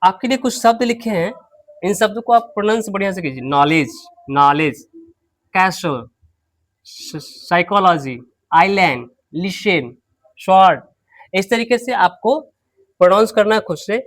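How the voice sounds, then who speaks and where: A man teaching English pronunciation in an online class, unwell with a slightly low voice, repeating words slowly and quizzing his students. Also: expressive, a bit bright.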